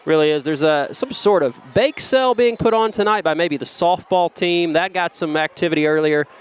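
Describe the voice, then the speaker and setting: A man's voice: a little high, normal speed, smooth. Joking local football commentator man. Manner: jokey, rambling banter about food. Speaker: play-by-play commentator. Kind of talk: local high school football broadcast commentary.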